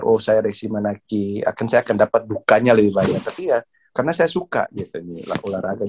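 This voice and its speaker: Chatty laughing middle-aged Indonesian coach. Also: male voice, fairly low pitch, breathy edge. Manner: relaxed and chatty, laughs often, repeats words while he searches for them. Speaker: badminton coach and interview guest. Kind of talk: casual interview storytelling.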